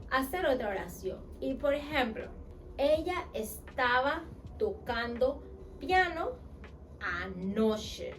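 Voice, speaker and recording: A woman teaching an English lesson who asks the learner questions, answers them herself, and repeats example sentences slowly. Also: sits high, a bit bright, a little hiss or hum, rough recording. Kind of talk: online language lesson.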